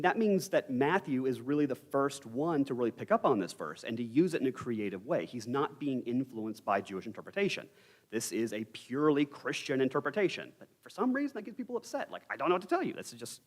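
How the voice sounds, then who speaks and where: Young male Bible study teacher: animated pitch, candid, wry asides, church setting. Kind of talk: informal Bible study lecture.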